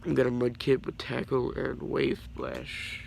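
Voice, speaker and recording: Sick and raspy-voiced, a teenage YouTuber shows off his trading card collection in a casual, rambling way, apologizing and stumbling over card names. His tone stays level and a little mellow, and he's in no hurry. The home audio is low quality, with faint background noise.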